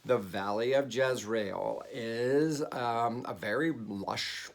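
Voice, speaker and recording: A man's voice: medium pitch, slow pace. A man leading a Bible study, teaching conversationally with many fillers and restarts and explaining Hebrew words.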